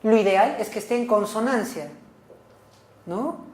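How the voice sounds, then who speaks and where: A woman's voice: fairly high pitch, expressive, measured pace, darkish tone, echoey room. A woman teacher giving a recorded class lecture, explaining points and often checking in with her listeners. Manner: instructive, asks frequent checking questions like "¿ok?" and "¿sí?"; repeats and rephrases key points.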